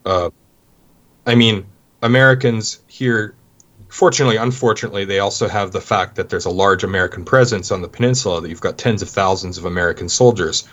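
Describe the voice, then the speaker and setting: A man's voice: sits low, a little fast, fairly bright tone. A Canadian man talking casually about life abroad, rambling with many restarts. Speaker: guest. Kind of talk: casual conversation. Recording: dull lo-fi sound.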